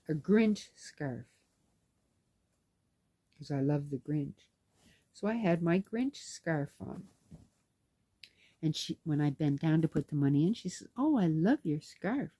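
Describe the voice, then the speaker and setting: Brief: chatty woman vlogger recounting her day, unhurried, with lively, swooping delivery. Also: low-pitched, no room sound. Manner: chatty, animated, acts out dialogue. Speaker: knitting vlogger and caregiver. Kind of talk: casual storytelling.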